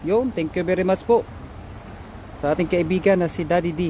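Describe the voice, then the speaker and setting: A man live-streaming a fishing trip from a riverbank on a phone, chatting and giving shoutouts to viewers. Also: high voice, normal speed, a little hiss or hum. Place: riverbank outdoors.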